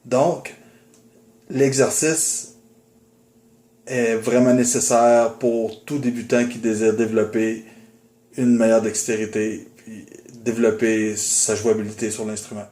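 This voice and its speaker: A man's voice: lowish voice, flat delivery, slow pace, dark tone. A man teaching a guitar lesson, explaining methodically and patiently, with frequent hesitation fillers. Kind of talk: instructional video. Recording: roomy, with guitar playing in the background.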